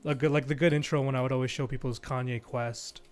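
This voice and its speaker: A man's voice: mid-range voice, steady tone, fast talker, faint music behind. A young man co-hosting a stream in casual chat, laid-back and slangy with short replies. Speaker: stream co-host.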